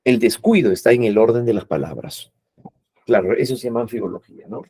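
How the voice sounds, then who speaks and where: Man, teacher lecture, patient explaining, husky, dry sound. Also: medium pitch, lively intonation, brisk, dark tone, dry recording. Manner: explains patiently with frequent "¿no?" and "eh" tags.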